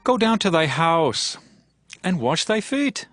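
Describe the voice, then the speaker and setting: A commanding monarch in scripture audio drama. His voice sits fairly high and moves widely as he issues formal, imperious orders, with music playing behind. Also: very animated, takes it slowly, fairly bright tone, full character voice. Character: King David, commanding, scheming monarch.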